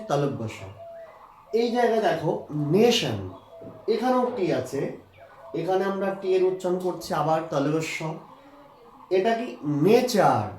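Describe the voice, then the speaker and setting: High-voiced man teaching, echoey room. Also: darkish tone, a little hiss or hum. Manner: patient, repeats points, asks and answers own questions. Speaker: English pronunciation teacher. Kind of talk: explaining lesson to students.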